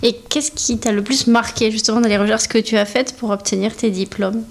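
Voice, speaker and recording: A woman's voice: on the high side, fairly even intonation, brisk, vocal fry. A woman hosting a radio show in a radio studio, chatting casually with guests and laughing often. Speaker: radio host.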